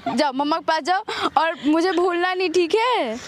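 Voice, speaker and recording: Bubbly high-voiced woman vlogging outdoors. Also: lively intonation, normal speed. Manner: bubbly, teasing and bossy, talks to the camera and to passers-by. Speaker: vlogger and prankster. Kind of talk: casual prank vlog talk. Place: outdoors in a public street with traffic. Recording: traffic noise behind.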